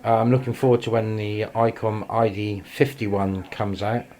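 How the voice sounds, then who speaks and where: In his small home radio shack, an English amateur radio operator chats informally for a casual vlog recorded on a handheld camera, with faint noise in the audio. His lowish voice has little pitch movement, a moderate pace, and a darkish tone.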